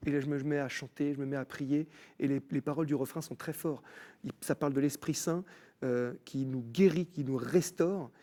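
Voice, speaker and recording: A man telling his personal faith story as a TV guest, in an animated storytelling manner with many restarts. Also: a little high, fast. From France. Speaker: guest musician. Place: TV studio.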